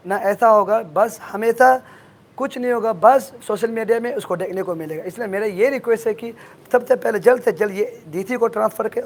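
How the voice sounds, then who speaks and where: A high-pitched man from Arunachal Pradesh speaks with a hoarse, worn throat. He presses his points earnestly, circling back and repeating his demands with insistence. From Arunachal Pradesh, India. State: hoarse from shouting. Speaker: activist guest. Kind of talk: impassioned interview answers.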